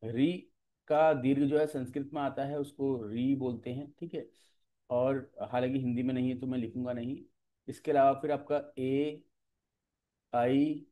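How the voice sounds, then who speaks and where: A man with a mellow, darker voice gives an exam-prep lecture. He explains patiently, step by step, and keeps checking in with his students as he goes. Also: mid-range voice. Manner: explanatory, often checks in with "ठीक है". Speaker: teacher.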